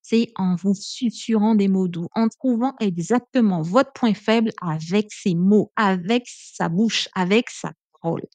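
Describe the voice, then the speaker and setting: Casting: woman relationship coach, emphatic and chatty, mid pitch, dry close sound. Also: a little slow, hardly any pauses, a little mellow, no echo. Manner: emphatic, chatty, full of asides like "hein". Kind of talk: advice vlog monologue.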